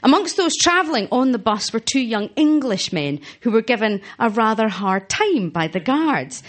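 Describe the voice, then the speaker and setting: A Scottish woman performing a self-mocking stand-up comedy set, laughing at her own punchlines. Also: a little high. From Scotland. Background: audience laughter.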